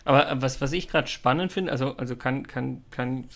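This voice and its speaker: A man's voice: mid-range voice, a little fast, gravelly, fairly bright tone. A man in a casual chat, reflecting on a customer problem and asking for advice, often restarting his sentences.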